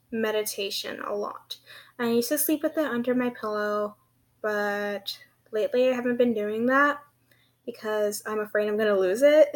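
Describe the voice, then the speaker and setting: A young woman chats to her vlog audience at a slow, rambling pace. Her lisp makes her s sounds slushy, close to sh. She is hesitant and self-deprecating, with a giggly, casual way of talking. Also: mid-range voice. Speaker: vlogger.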